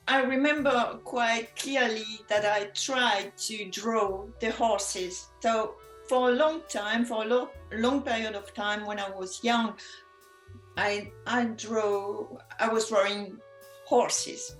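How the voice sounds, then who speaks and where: A woman from France with a French accent, speaking English as a guest in a casual interview, talking slowly with many pauses and soft laughs. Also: on the high side, fairly even intonation, soft background music. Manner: slow, halting, many ums, soft laughs. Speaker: guest artist. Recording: echoey room.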